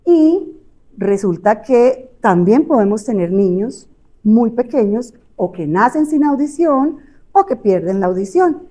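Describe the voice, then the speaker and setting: In a slightly high, warm voice with lively intonation, a Colombian-accented woman takes her time explaining hearing health as an audiologist. The lecture feels like a chat, peppered with fillers and tag questions like "right?"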